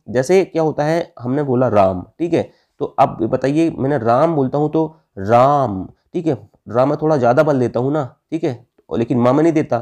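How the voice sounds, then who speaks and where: A man leads an exam-prep grammar lesson in a warm, mellow tone. He keeps asking "what is it called?" and answers it himself. He repeats each key term so it sticks. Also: mid-range voice. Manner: asks the class questions and answers them himself, addressing "friends"; repeats key terms for emphasis. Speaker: Hindi grammar teacher.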